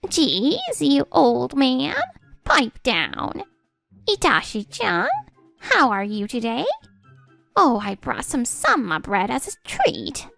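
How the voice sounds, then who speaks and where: A woman's voice: high-pitched, wildly swooping pitch, slow pace, vocal fry, a bit bright, faint music behind, exaggerated voice. A woman voicing a brash, teasing, good-natured older neighbor in a comic dub. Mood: brash, cheery. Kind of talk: comic dub character acting.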